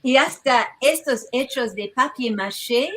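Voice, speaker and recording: Woman, slightly raised pitch, researcher presenting online, lively, digressive, breaks off mid-phrase, video-call microphone. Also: measured pace, rough recording. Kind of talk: informal presentation to an online audience.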